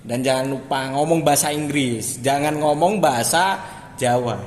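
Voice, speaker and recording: A man's voice: mid-range voice, moderate pace. A man interviewing a guest casually, joking and dropping English words into his questions. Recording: echoey hall, faint noise.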